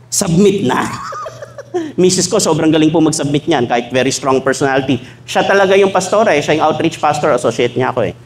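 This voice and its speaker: A man's voice: fairly high pitch, lively intonation, fast, a little hiss or hum. A man preaching a sermon to a church congregation, mixing jokes with teaching and acting out little dialogues in shifted voices. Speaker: pastor. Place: church hall.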